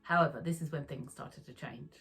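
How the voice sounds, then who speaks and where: A woman narrating a true crime story in a calm, even storytelling manner. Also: low-pitched, a little fast, creaky, slightly rough, faint music behind, low-quality recording.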